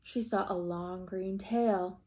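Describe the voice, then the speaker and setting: A woman's voice: mid-range voice, slight background noise. A woman reading a picture book aloud to children like a teacher, stopping to ask the listeners questions and have them make predictions. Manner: slow and expressive, asking children questions. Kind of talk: children's read-aloud storytime.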